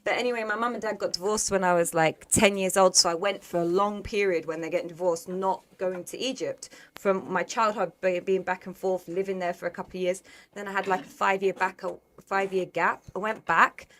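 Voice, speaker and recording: A woman's voice: medium pitch, fairly even intonation, brisk, a bit bright. A woman with an East End London accent, chatting casually as an interview guest and laughing easily. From England. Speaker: interview guest, belly dancer.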